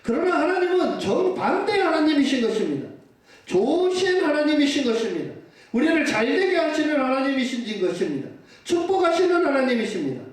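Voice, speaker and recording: Man, pastor, sermon, quizzing the congregation, very high voice, echoey church hall, distant mic. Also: sing-song, a little fast. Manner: asks the congregation rhetorical questions and answers them; urges listeners to say amen. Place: church sanctuary.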